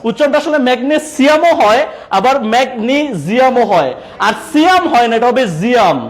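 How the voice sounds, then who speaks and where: A teacher trainer with a Bangladeshi Bengali accent teaches a room of teachers in a training classroom, drilling them with call-and-response questions and joking with them. He is sweating, and his very high voice comes out very animated and fast.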